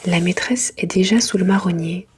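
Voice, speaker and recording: A woman reading a children's storybook in a hushed, breathy library whisper, in a soft ASMR style. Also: lowish voice, moderate pace. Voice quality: breathy, unvoiced.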